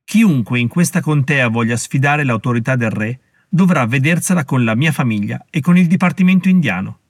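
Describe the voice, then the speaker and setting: A man's voice: mid-range voice, animated, a little fast, no room sound, studio quality. A man voicing a cruel, menacing aristocrat who gives cold, commanding threats in an audiobook reading.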